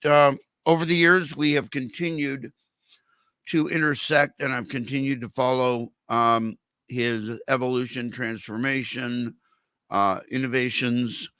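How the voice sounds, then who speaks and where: An older man hosting a casual interview, talking haltingly with speech impeded by a swollen mouth. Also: mid-range voice, vocal fry, sharp tone, dry recording. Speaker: interview show host. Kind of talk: casual chat.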